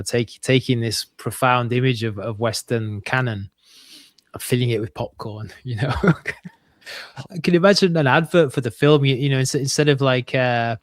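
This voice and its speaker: A man's voice: mid-range voice, dry recording, studio quality. A man co-hosting a podcast, speaking in rambling, wry asides, often stopping and restarting mid-sentence. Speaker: podcast co-host. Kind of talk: casual conversation.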